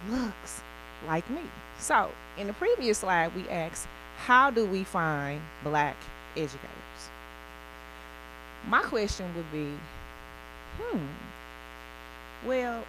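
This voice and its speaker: Emphatic woman presenter with lively pitch. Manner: emphatic, deliberate phrasing with rhetorical questions. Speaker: co-presenter, higher education speaker. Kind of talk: public presentation. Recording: clear electrical hum and buzz.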